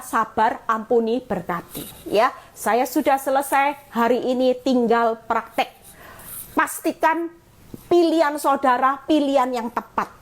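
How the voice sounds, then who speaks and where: A woman evangelist preaching a sermon live online, speaking fervently, mixing personal testimony with scripture and repeating phrases for emphasis. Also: a little high. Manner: fervent preaching, often addressing listeners as "saudara".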